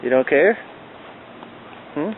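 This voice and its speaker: Slow-talking man coaxing his dog. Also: on the high side, expressive. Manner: playful, coaxing baby talk to a dog. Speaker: dog owner filming his pet. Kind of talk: casual talk to his dog while filming. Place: outdoors in a back yard. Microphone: handheld video camera. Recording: tinny lo-fi camera audio, faint outdoor noise.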